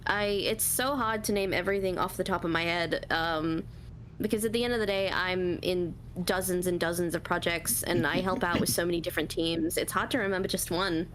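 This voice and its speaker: A voice actor and artist, interviewed casually, answers questions about her work in a naturally high voice. Her delivery is loose and unsure, full of pauses, ums and self-directed laughter, and background noise can be heard.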